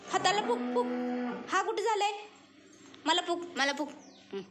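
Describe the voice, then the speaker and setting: A young woman from Maharashtra, a mother filming her baby near the cows, cooing at him in high sing-song baby talk and murmuring plainer asides to her viewers. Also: lively intonation, moderate pace. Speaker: vlogger mother. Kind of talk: home vlog talking to her baby and viewers. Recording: noisy home phone recording.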